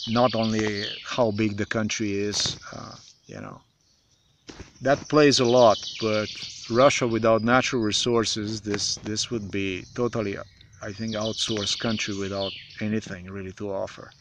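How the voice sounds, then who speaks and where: A man's voice: lowish voice, fairly even intonation, a bit bright, slight background noise. Slovenian-accented man talking outdoors. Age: 40s. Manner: halting, repetitive, emphatic. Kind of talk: rambling monologue to camera. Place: outdoors in a forest. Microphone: phone camera at arm's length.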